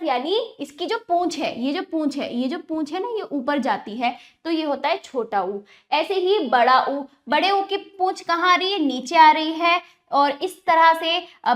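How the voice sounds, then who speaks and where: High-voiced woman teaching children. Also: a bit bright. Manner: patient, repeats words slowly for children. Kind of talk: classroom lesson for children.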